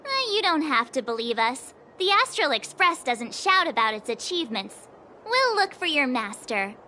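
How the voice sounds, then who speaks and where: A woman's voice: high-pitched, very animated, moderate pace, sharp tone, slight background noise, full character voice. An actress playing an upbeat young female space traveler in a video game, talking in a cheerful, frank, reassuring way. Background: faint game music.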